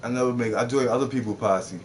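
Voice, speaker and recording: Male game streamer, casual profane rant, stumbles and repeats words, normal mid pitch. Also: fast talker, slight background noise. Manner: rambling, profane, repeats words, mocks others in put-on voices. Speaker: live streamer. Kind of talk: off-the-cuff rant while gaming.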